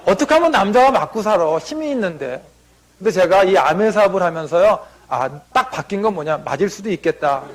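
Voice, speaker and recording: A man giving a motivational seminar talk before an audience, telling family stories and acting out what relatives said. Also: sits high. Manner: anecdotal, acts out family members' lines in quotes.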